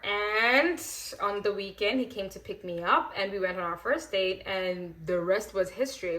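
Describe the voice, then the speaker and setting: A woman in her twenties, from Rwanda and raised in South Africa, telling a story in a chatty, animated way and acting out the people in it. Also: medium pitch. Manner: chatty, animated, acts out quoted voices. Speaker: vlogger. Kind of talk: casual storytime while getting ready.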